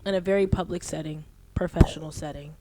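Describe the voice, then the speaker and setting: A young woman guest on a podcast, chatting casually in an animated, gushing way and leaning on "like". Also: sits low, fast, heavy background noise. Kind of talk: casual chat.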